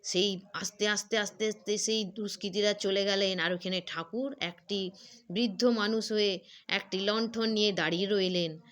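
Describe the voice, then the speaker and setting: A woman telling a devotional story in a halting way, with frequent filler words. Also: mid-range voice, steady tone, fairly bright tone. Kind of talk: religious story narration.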